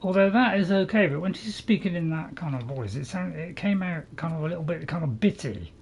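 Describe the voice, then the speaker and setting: A man streaming a game in a fairly high, very animated voice. He chats casually and hesitantly, often repeating himself as he goes. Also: fairly quick, gravelly, a little hiss or hum. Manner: hesitant, repetitive, chatty. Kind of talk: casual gameplay commentary.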